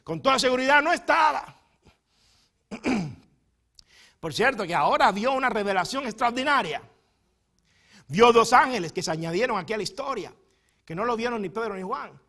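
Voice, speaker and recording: A man preaching a sermon as pastor in a church, moving between quiet teaching asides and loud, fervent bursts, often stumbling and repeating words. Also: expressive, moderate pace, pauses often. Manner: swings from soft, low teaching asides to loud, high impassioned preaching.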